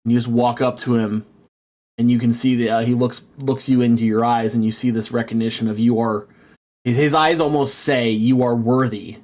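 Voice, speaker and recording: A man narrating a tabletop game as game master, rambling with many fillers and turning excitable when he rants. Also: mid-range voice, a little fast.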